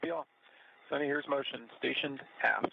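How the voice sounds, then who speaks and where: A man operating a robotic arm, giving steady procedural callouts with small fillers over a muffled space radio link. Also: medium pitch, normal speed, gravelly, no room sound. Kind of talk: technical radio calls.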